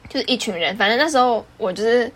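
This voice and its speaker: Husky-voiced young woman chatting fast. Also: on the high side, expressive. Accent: Taiwanese Mandarin. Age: 20s. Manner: teasing, quick to laugh. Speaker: podcast co-host. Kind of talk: casual chat.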